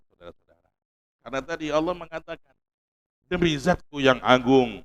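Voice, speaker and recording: A man's voice: on the high side, clean tone. Impassioned Javanese-accented male preacher. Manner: impassioned, swings between loud emphasis and hushed pleading. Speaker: Islamic preacher. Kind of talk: sermon. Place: large mosque.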